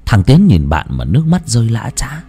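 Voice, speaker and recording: A man narrating a ghost story in a measured, dramatic way. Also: medium pitch, wildly swooping pitch, dark tone, slightly rough. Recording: faint background music.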